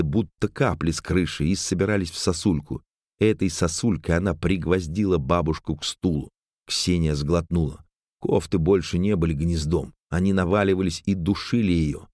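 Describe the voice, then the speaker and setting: A man narrates an audiobook in a very deep voice. He is recorded close to the mic in a dry, dead room with no echo. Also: darkish tone.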